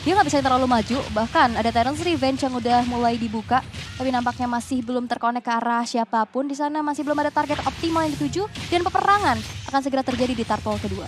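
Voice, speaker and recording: A woman's voice: high voice, quick pace, background noise. A woman with an Indonesian accent commentating as an esports caster, narrating the play urgently in long running sentences. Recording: music behind the voice.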